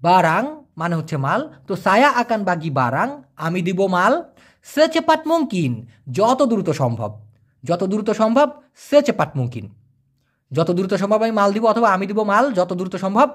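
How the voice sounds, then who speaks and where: Male language teacher, casual lesson, very animated pitch, repeats phrases slowly and translates them. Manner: repeats each phrase slowly and translates it, with a lively rise and fall.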